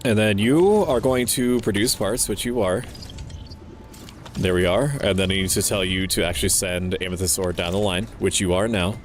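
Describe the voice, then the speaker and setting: A man with a low voice livestreams a game as a VTuber, speaking at normal speed from an indoor setup with game music behind him and slight background noise. His casual commentary is thought aloud, playful, and full of swearing.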